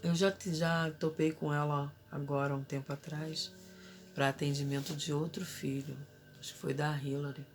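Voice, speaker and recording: A woman's voice: low voice, flat delivery, normal speed, faint music behind. A woman in her thirties telling an emotional personal story as a mother, urgently reliving her own desperate cries for help.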